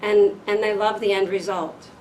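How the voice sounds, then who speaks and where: A woman in an interview talks about her work with upbeat enthusiasm. Her voice sits in a middle pitch range. The mic is set well away from her, and faint noise runs underneath. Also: little pitch movement, normal speed, darkish tone, recorded from a distance, poor audio. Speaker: interview guest, business owner. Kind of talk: conversational interview.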